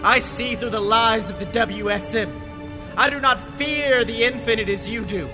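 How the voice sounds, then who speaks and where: A man voicing a power-hungry male villain who rants in a shrill, furious voice. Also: normal speed, over music. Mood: grandiose.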